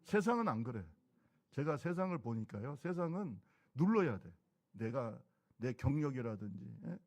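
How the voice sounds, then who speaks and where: A man's voice: mid-range voice, sing-song, normal speed. A middle-aged man preaching a sermon as pastor of his church, talking in a conversational way and firing rhetorical questions at the congregation. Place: church sanctuary.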